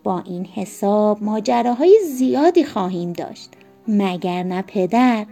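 A woman voicing an excited young boy, brave and curious, in a storybook reading. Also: vocal fry, soft background music. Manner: high, exclaiming, eager.

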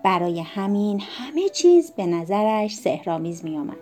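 A woman narrating a children's story in a gentle, expressive way. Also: mid-range voice, faint music behind. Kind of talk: storybook reading.

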